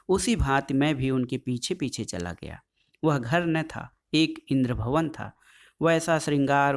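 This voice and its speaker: A man narrating a short story in the first person, measured and calm. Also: mid-range voice.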